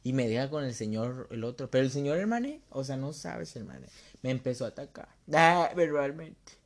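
A young Mexican man spinning a story in loose, slang-heavy chat. His pitch sits in an ordinary middle range. He jumps into voices for the people in his story. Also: normal speed. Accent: Mexican Spanish. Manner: slangy, animated, acts out quoted lines.

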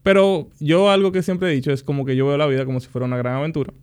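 A young man, a podcast guest, telling his story in a relaxed, animated and joking way. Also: a little high, rapid-fire, smooth. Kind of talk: casual interview conversation.

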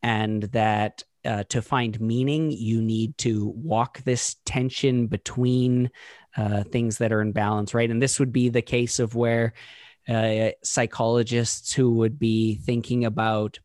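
A man in a relaxed podcast conversation, thinking out loud about ideas and often pausing to restart his sentences. His voice sits at an ordinary middle pitch. The recording is close and dry, with no room sound. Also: dry recording. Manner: thoughtful, halting, many restarts and fillers. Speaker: podcast co-host. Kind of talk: casual conversational discussion.

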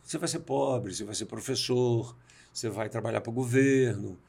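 A man's voice: mid-range voice, normal speed, vocal fry, darkish tone, husky. A man in his sixties from Brazil speaks as a podcast guest with a mid-range voice. He tells personal stories in a reflective way and acts out the voices in the conversations he recalls. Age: 60s. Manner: reflective, acts out quoted dialogue. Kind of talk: storytelling in a conversation.

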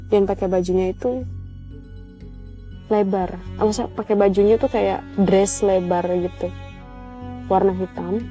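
In a dark-toned, mid-range voice, a young woman chats with her viewers about something spooky that happened to her. The horror story is told casually and conversationally, straight to the audience.

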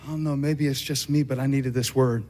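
A man preaching a sermon as a pastor, in a rhythmic style that stacks repeated phrases and climbs to shouts. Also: mid-range voice, steady tone, brisk.

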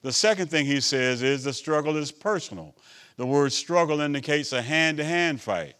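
Bishop preaching, man with a higher voice, goes big then gets quiet and chatty, keeps asking amen. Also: expressive, normal speed. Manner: preaching with call-and-response asides; swings between loud emphasis and quiet asides. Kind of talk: sermon.

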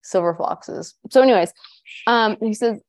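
A woman's voice: medium pitch, moderate pace, darkish tone. A woman co-hosting a casual podcast, chatting and reading listener stories aloud with her own asides. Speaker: podcast co-host.

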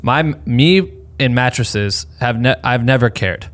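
A man's voice: medium pitch, a little slow, fairly bright tone. A young man hosting a podcast, chatting casually and rambling in slang, laughing often. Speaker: podcast host. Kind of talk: casual podcast chat with ad read.

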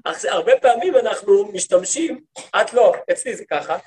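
A man with a fairly high voice teaches a class as a rabbi. He tells his stories in a lively way, playing out the lines of the people in them, and he keeps turning to his listeners with questions. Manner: lively storytelling, acts out quoted speech. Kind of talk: lecture to a women's study group.

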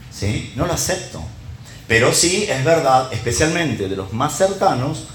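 A man's voice: on the high side, slight background noise. A middle-aged man preaching in Rioplatense Spanish, his voice swinging up and down as he talks. He keeps asking his listeners rhetorical questions and checking in with them. The sound rings around a roomy church hall. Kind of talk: conversational sermon.

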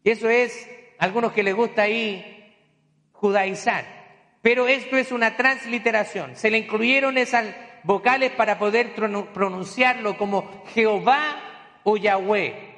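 A man's voice: high-pitched, a little slow, fairly bright tone, in a large hall. A man pastor preaching a sermon, teaching and explaining terms with folksy asides.

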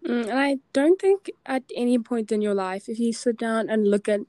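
A woman's voice: on the high side, moderate pace, warm tone, no room sound, studio quality. A young woman, co-hosting a casual podcast chat, talking loosely with lots of "like". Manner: chatty, peppered with "like". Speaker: podcast co-host.

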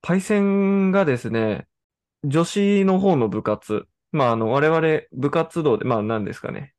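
A man co-hosting a casual podcast, telling a story to friends in mock-polite phrasing, often pausing on filler words. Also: fairly high pitch, lively intonation, darkish tone. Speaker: co-host of a hobby podcast.

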